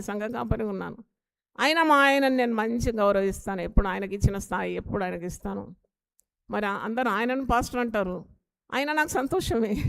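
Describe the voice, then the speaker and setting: A woman's voice: fairly high pitch, clear, resonant tone. A woman pastor preaching an earnest sermon, asking rhetorical questions and exhorting her listeners.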